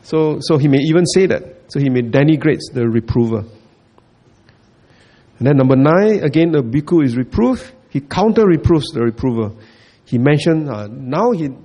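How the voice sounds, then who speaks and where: A man's voice: fairly high pitch, moderate pace, dark tone. A man giving a Buddhist dharma talk, repeating points, checking in with listeners and chuckling often. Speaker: Buddhist teacher.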